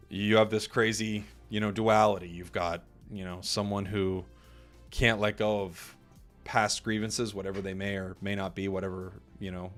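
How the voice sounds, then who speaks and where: A man's voice: lowish voice, fairly bright tone. A man casting an esports stream, trading joking, teasing banter with his co-host. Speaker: esports caster. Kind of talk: casual esports commentary.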